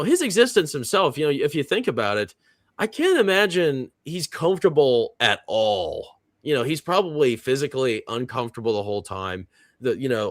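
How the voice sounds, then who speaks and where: A man hosting a casual live stream, his voice sitting at an ordinary middle pitch. He wanders through his thoughts with lots of "uh"s and "you know"s and stops to read viewer comments aloud. The sound is dry and close, with no room echo. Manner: rambling, reads viewer comments aloud, many fillers. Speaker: host of a movie reaction panel.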